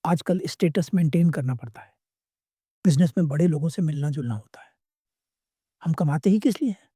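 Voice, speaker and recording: A callous grown son brushes off his parents in short, dismissive replies, voiced by a man telling a story. His voice is mellow and slightly husky, with a dry, close sound. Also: fairly high pitch, lively intonation, normal speed, no room sound. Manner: curt and dismissive.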